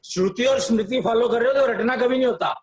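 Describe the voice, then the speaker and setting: A man's voice: very high-pitched, fast talker. A man explaining tradition in a casual discussion, insistent and lecturing. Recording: echoey room.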